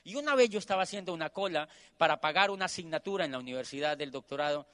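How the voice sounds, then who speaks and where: A middle-aged Colombian man with a Colombian accent, telling a personal story in a motivational talk. He is animated and repeats phrases for emphasis. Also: on the high side, racing. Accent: Colombian Spanish. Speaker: motivational speaker.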